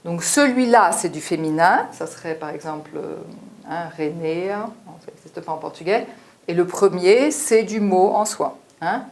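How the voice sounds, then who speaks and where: A woman's voice: lowish voice, normal speed, a little mellow. A woman giving a French lesson to learners, explaining patiently and tagging her sentences with a frequent "hein". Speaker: French teacher. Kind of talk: spoken language lesson.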